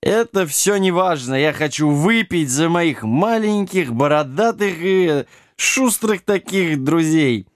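A man's voice: a little high, lively intonation, slow pace, no echo, studio quality, voice pushed up. A man voicing a drunk, brash, self-styled mad king who talks in swaggering slang. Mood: tipsy swagger.

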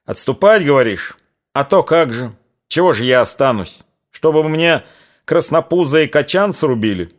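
A man's voice: on the high side, animated, moderate pace, voice pushed up, close to an everyday voice. A man voicing a weary young Cossack officer son who speaks bluntly and curtly. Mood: defiant.

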